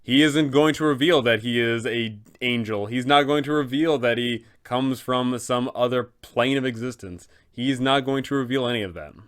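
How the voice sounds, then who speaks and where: A male host gives tabletop game masters casual, conversational advice, frequently asking rhetorical questions. His mid-range voice sounds clean and fairly bright, with a moderate pace and few pauses.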